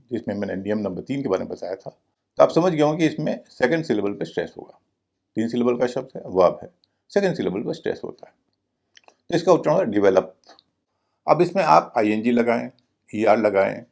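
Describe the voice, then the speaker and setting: A man's voice: mid-range voice, vocal fry, a little mellow, husky. A man teaching a recorded video lesson, explaining step by step and spelling out each word letter by letter. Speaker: English teacher.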